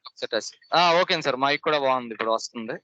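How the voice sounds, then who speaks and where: Brisk man with a bright, tense voice. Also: mid-range voice. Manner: directive, repeats short instructions. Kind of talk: casual call giving setup instructions. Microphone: phone on a video call. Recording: dull lo-fi call audio.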